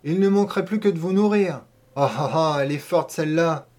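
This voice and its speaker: A man's voice: a little high, animated, normal speed, close to an everyday voice. A man reading an audiobook, voicing a pompous, irritable village mayor who barks orders scornfully. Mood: scornful, commanding. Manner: loud, scornful, commanding.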